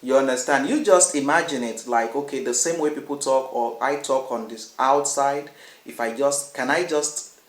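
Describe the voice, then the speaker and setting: A man's voice: mid-range voice, moderate pace, rough recording. A man teaching screenwriting in a casual, rambling way, often checking in with his listeners and restarting his phrases. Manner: repeats "you understand?" often, restarts phrases. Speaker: film writing instructor. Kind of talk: casual instructional talk.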